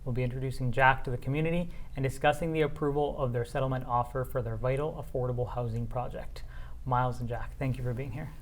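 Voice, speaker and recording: A man's voice: medium pitch, fairly even intonation, fast. A man hosting a community TV interview, friendly and affirming, with frequent mm-hmms. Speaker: host.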